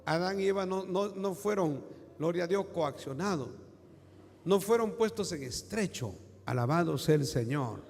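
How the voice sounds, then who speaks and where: Man, pastor, fervent sermon, high voice, long hall reverb. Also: expressive, normal speed, gravelly, darkish tone. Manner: fervent, punctuating with praise exclamations.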